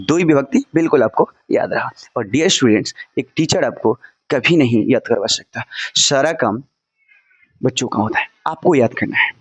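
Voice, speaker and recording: A man's voice: on the high side, slightly rough, no room sound. A male teacher giving a recorded lesson, drilling word forms with his students and repeating them over and over.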